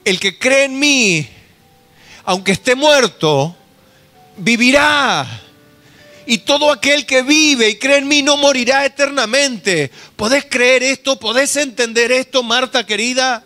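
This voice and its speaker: A man with an Argentine accent voicing Jesus as a gentle, insistent male teacher who asks pleading, repeated questions. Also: very high voice, slow pace, faint music behind, voice pushed up, exaggerated voice. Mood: fervent. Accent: Argentine Spanish.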